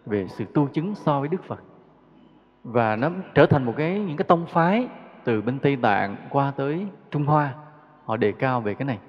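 Buddhist teacher, chatty dharma talk, muffled lo-fi sound with long hall echo. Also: male voice, mid-range voice. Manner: conversational, rhetorical questions, chuckles. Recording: dull lo-fi recording with long hall reverb.

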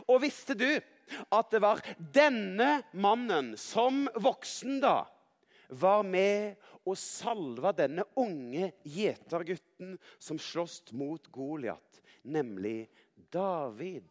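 A man's voice: high voice, expressive, in a large hall. A man telling a Bible story to children in a dramatic, playful way, speaking directly to a young listener.

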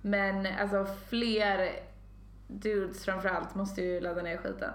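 A woman's voice: mid-range voice, steady tone. Slangy young woman in an echoey room. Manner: slangy, teasing, mixes English phrases. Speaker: podcast co-host. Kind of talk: casual chat. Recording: echoey room with faint hum.

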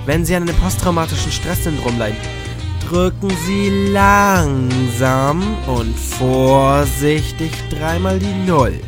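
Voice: mid-range voice, takes it slowly. A polite, formal announcer reads a scripted joke answering machine message for a hotline. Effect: recorded answering machine greeting. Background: music.

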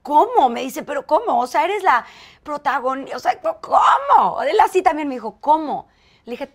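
A woman with a Mexican accent, a guest in an interview, telling a story with lively acted-out dialogue. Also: fairly high pitch. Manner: animated, acts out quoted dialogue.

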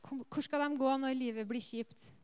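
A woman preacher giving an earnest sermon, telling lively personal stories and asking the congregation rhetorical questions. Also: high voice, clean tone. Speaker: preacher and worship leader.

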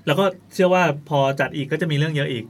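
Quick-talking man co-host. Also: on the high side, a little hiss or hum. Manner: quick, playful, reads headlines with exaggerated drama. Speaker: podcast co-host. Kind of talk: casual chat, reading news aloud.

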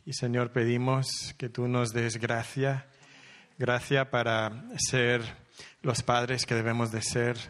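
A man leading a closing prayer slowly and solemnly at a conference. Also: medium pitch, a bit bright. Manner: slow, solemn, deliberate. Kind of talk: public prayer.

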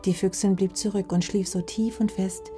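A woman, author of the story, narrating it gently for children. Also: mid-range voice, fairly even intonation, moderate pace, over music.

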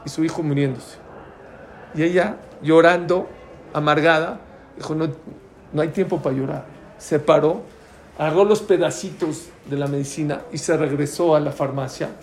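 A man's voice: on the high side, normal speed, darkish tone, slight background noise. A man, a rabbi giving a storytelling sermon who keeps asking his listeners questions. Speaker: rabbi teaching a Torah class.

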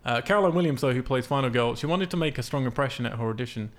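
A man with a medium-pitched voice talks very fast as he hosts a casual film podcast. He explains things informally and swears freely, discussing films from his notes.

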